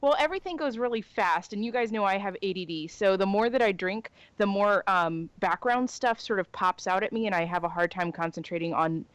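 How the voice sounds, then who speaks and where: A woman co-hosting a podcast, telling stories in an animated, chatty way. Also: medium pitch, fairly quick, hardly any pauses, dry recording. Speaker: podcast co-host. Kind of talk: casual chat.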